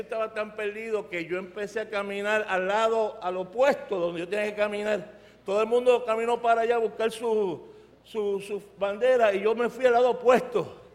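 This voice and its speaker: A man with a Puerto Rican accent preaching an animated, emphatic storytelling sermon from a church. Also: high voice. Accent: Puerto Rican Spanish. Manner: animated, emphatic, rising to loud outbursts. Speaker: pastor. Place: church sanctuary. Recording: reverberant church sanctuary.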